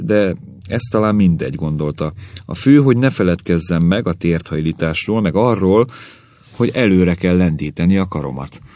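A man reading a humorous story aloud in an audiobook narration, expressive and measured. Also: low-pitched, no echo.

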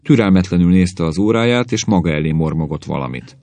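Deep-voiced male storyteller. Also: animated, a little mellow, no room sound. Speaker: narrator. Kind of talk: audiobook narration.

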